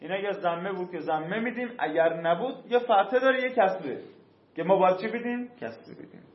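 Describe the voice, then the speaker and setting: A man teaching a grammar class. He reads a rule aloud, then explains it in casual speech and puts questions to his students. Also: high-pitched. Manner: asks the class questions and answers them. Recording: echoey room, dull lo-fi sound.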